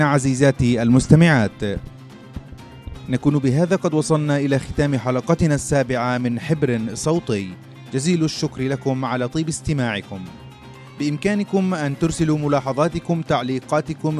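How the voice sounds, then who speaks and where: A man hosting a podcast in a formal, measured public radio manner. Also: mid-range voice, a little mellow. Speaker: podcast host.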